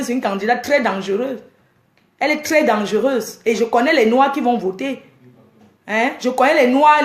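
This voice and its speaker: A woman's voice: high-pitched, roomy sound. A woman ranting at her fans on a casual live stream, scolding and exasperated as she lectures her viewers. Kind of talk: casual Facebook live rant.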